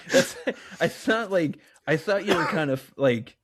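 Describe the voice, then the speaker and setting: A man's voice: fairly high pitch, animated, takes it slowly, a bit bright. A man co-hosting a podcast in casual chat, teasing and laughing often, with some swearing. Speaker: podcast co-host.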